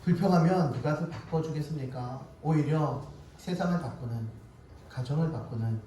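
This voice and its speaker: A male pastor preaching a sermon in a church, telling stories in an animated way with a laugh in his voice. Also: a little high, normal speed. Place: church sanctuary. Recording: echoey church hall from far off, faint noise.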